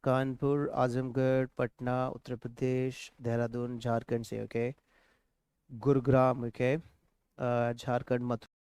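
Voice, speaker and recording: A man's voice: medium pitch, little pitch movement, takes it slowly, darkish tone, clean tone, no room sound, studio quality. A man with an Indian accent teaching a live spoken English lesson, switching between Hindi and English, repeating example phrases and reading out viewers' comments.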